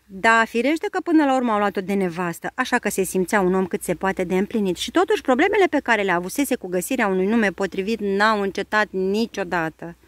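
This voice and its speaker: A woman narrating a children's book aloud in a lively, expressive storytelling manner. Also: medium pitch, hardly any pauses, no echo.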